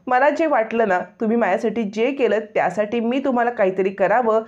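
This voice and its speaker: A woman reading the lines of a gentle young wife who pleads softly to keep the peace. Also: on the high side, brisk, close to an everyday voice. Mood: pleading. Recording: dull lo-fi recording.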